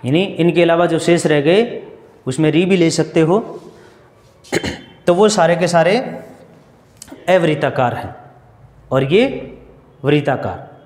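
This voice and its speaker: A man teaching Hindi grammar in a slow classroom style, asking questions and answering them himself and going over each point again. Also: fairly high pitch, a little mellow, roomy sound, in a large hall. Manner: repeats and restates points, asks questions then answers them. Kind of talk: slow, repetitive classroom explanation.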